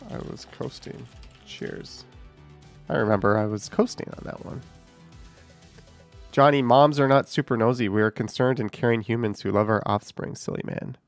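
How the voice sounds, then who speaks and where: Gravelly-voiced man reading chat comments. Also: medium pitch, steady tone, normal speed, soft background music. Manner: chatty, dry asides while reading comments aloud. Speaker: YouTube streamer reading viewer comments. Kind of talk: casual live-stream chat.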